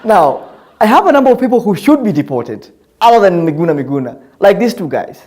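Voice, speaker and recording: A man's voice: high voice, very animated, fairly quick, darkish tone, some chatter behind. A young Kenyan man hosting a satirical comedy show, talking in a mocking, incredulous way and often laughing as he speaks. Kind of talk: satirical commentary.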